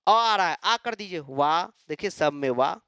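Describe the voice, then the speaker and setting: Guy teaching exam prep, asks himself stuff then answers, crisp voice no room echo. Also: high voice, normal speed, clean studio sound. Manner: animated, asks and answers his own questions; mimics students' replies.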